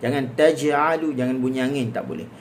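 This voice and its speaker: A man's voice: mid-range voice, brisk, a little mellow, slight background noise. A man with a Malaysian Malay accent teaching Quran recitation in a live lesson. He breaks words into repeated syllables and then chants the verses melodically.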